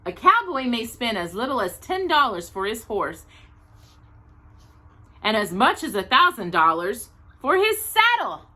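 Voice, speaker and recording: As host of a read-aloud storytime show, a woman from Texas shares a children's picture book, pausing for chatty comments and curious, musing remarks. She reads in a bright, lilting, sing-song voice on the high side, at a measured pace.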